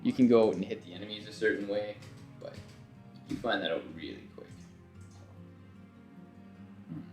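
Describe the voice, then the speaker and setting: A man's voice: fairly low pitch, normal speed, music in the background. A young man rambling through casual let's-play commentary, swearing when frustrated, his voice getting worn from talking. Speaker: gaming video host.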